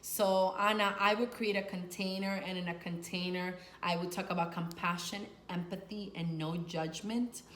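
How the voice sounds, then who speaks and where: Her voice sits fairly low, with a steady, slightly bright tone, a moderate pace and almost no pauses. Addressing the camera, this Dominican woman who grew up in New York, a sex and life coach and video host, gives sincere, chatty advice, leaning on key words in loose, informal phrasing. The room is echoey with faint noise.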